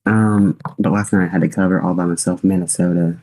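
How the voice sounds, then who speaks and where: Man, weather-stream host; low, mellow voice, laid-back and plain-spoken. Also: fairly even intonation, fairly quick, rough recording. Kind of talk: casual on-air chat.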